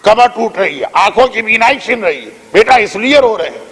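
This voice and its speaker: A man's voice: sits high, big pitch swings, a bit bright. A male preacher delivering a religious sermon, telling a moral story in an exhortative manner at a gathering. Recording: echoey hall reverb.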